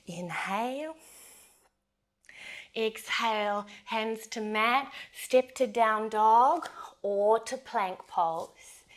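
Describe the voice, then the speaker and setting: A woman leading a yoga flow as instructor, giving breath cues in a steady, measured, gentle cadence. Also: medium pitch.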